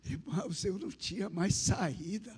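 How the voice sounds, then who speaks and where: A man with a Brazilian accent preaching, telling a personal testimony as a lively storyteller who acts out the dialogue. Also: sits high, unhurried, slightly rough.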